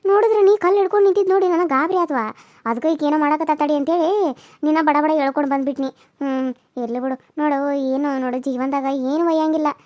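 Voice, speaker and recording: A caring older village woman from a cartoon serial, put on by a woman. Her voice is high but a little lower than the girl she comforts, and she speaks on a dry, close mic. She consoles and lectures in a firm, steady way. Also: fast, no room sound, close to an everyday voice. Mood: reflective.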